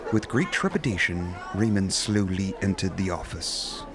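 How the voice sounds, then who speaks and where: A man playing a genteel horror anthology host, narrating scripted tales in a measured, theatrical, vintage style. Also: deep voice, expressive, music in the background, crowd noise. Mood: storytelling.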